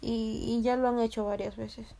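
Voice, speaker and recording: A young woman vlogger with a Peruvian Spanish accent tells a personal story in a casual way, speaking at a moderate pace in a fairly high pitch with some vocal fry. She is animated, laughing and swearing as she acts out the voices of other people.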